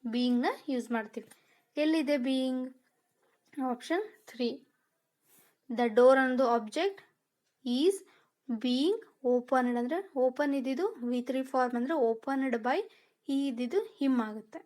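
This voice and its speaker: A woman's voice: high-pitched, a little mellow. A woman teaching English grammar for exams, explaining step by step and asking rhetorical questions. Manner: mixes Kannada with English terms; reads English sentences slowly. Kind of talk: exam-prep lesson.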